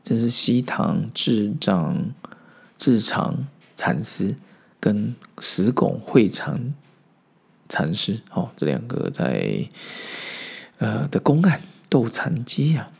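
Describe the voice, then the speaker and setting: A man's voice: fairly low pitch, sing-song, takes it slowly, vocal fry, husky. A man hosting a podcast, giving a casual Buddhist teaching talk, chatty asides and acted quotes. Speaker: podcast host.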